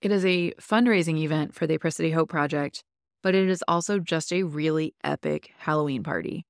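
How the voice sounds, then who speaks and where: Brief: young woman podcast host, lilt, chatty and upbeat, lowish voice, dry close sound. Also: a little fast, dry recording. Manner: chatty and enthusiastic, many likes. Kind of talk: casual chat.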